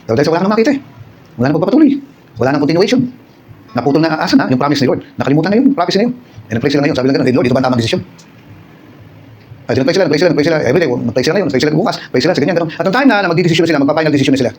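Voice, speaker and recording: A man's voice: on the high side, expressive, racing, darkish tone, a little hiss or hum. A middle-aged Filipino man preaching a conversational midweek sermon, asking his congregation rhetorical questions and telling personal stories. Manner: personal storytelling with acted quotes. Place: church service.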